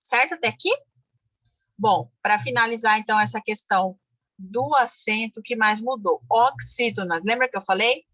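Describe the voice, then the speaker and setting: A woman's voice: a little high, moderate pace, fairly bright tone, no echo, muffled recording. A woman teaching a Portuguese grammar lesson online, explaining step by step with frequent checks on her listeners. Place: home, car noise outside.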